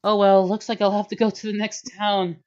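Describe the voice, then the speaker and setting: A game master voicing a brisk busy woman leader. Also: medium pitch, level tone, darkish tone, clear, resonant tone, pitched above the performer's own voice, lightly acted. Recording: dull lo-fi sound.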